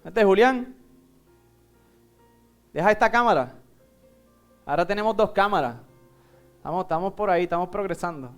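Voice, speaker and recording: Male pastor, Puerto Rican Spanish accent, very high and clear voice, storytelling sermon. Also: normal speed, long pauses, faint music behind. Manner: animated storytelling, acting out a Bible scene with volunteers.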